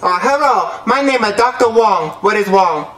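A man voicing a deadpan woman doctor who speaks in flat, proverb-like sayings. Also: high voice, normal speed, low-quality recording.

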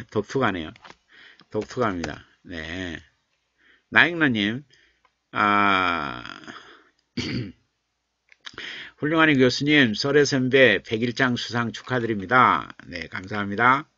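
A man's voice: mid-range voice, expressive, slow, long pauses, bright, forceful tone, no room sound, dull audio. A man hosting a live stream, reading viewers' comments and coaxing them, then muttering and repeating lines as he revises their poems aloud. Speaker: live-stream host, writing teacher.

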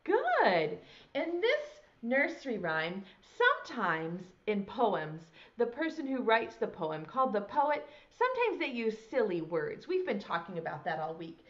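Woman, children's teacher, broad singsong theatrical delivery, unhurried pace, slightly muffled recording. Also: fairly high pitch, sing-song, fairly bright tone. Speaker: preschool teacher hosting a children's circle time. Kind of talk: children's lesson with nursery rhymes. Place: small indoor classroom set. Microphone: lapel mic.

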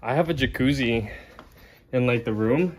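A man's voice: medium pitch, normal speed, very noisy. A young man vlogging casually from a beach resort, rambling with lots of "like" fillers. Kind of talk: casual vlog chat. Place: beach resort, outdoors and by a pool.

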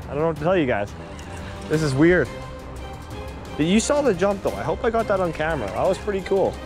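A young man filming himself fishing on a river shore, chatting excitedly on an action camera with lots of fillers and restarts. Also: on the high side, a little fast, over music. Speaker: fishing vlogger. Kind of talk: casual on-the-spot fishing commentary. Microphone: action camera on body.

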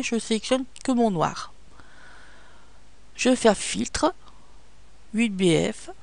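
A woman speaking walks through a photo-editing tutorial one step at a time, pausing often on fillers. Her mid-pitched voice has a gravelly fry, recorded close and dry with no room sound. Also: dry recording. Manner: step-by-step instructions with frequent fillers. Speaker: tutorial presenter. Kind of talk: screen-recorded software tutorial.

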